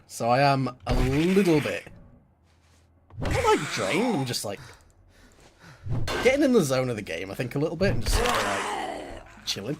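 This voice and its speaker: A man streaming a game live, chatting loosely and goofily to his audience from a home setup. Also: a little high. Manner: chatty and goofy, rambling to chat. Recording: steady background noise.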